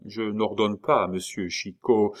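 A man voicing a courteous, plain-spoken male sentry in an audiobook, speaking higher and louder than his narration. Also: level tone, slow pace. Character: polite simple male sentry soldier. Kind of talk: audiobook character reading.

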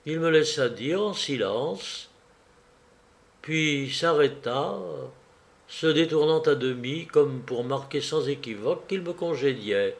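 Male audiobook narrator, slow, measured, fairly high voice, literary reading. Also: lively intonation.

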